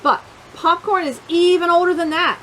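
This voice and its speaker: Reading a picture book to young children at storytime, this woman has a very high-pitched voice and a normal pace, with slight background noise. She's expressive and emphatic, lingering on key words and tossing in asides to the listeners.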